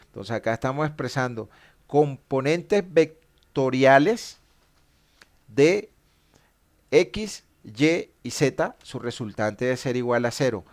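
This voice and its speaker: A man's voice: mid-range voice, expressive, takes it slowly. A man teaching a statics class, explaining equations patiently and stopping to correct his own mistakes.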